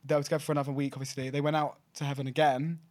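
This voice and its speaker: Male podcast guest, early 20s, Essex accent, camp and slangy, speedy delivery, lighter pitch. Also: level tone, racing, a little mellow. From Essex, England. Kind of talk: casual confessional chat.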